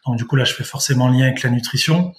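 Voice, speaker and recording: A sports dietitian-nutritionist in his thirties, from Vaucluse in southern France, answers interview questions as a guest explaining his work. His middle-pitched voice hesitates often, full of fillers, pauses and restarted sentences.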